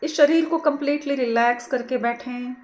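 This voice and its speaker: This is a middle-aged woman with a high-pitched voice guiding a meditation session. She speaks slowly and softly as she gives instructions, slipping English words in as she goes.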